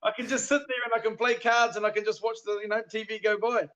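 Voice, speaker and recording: A man's voice: high voice, level tone, quick pace, a bit bright. A middle-aged man with a broad New Zealand accent, chatting casually as an interview guest in a laid-back, slangy way. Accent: broad New Zealand (Kiwi). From South Island, New Zealand. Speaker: guest, veteran stock car driver. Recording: dull lo-fi call audio.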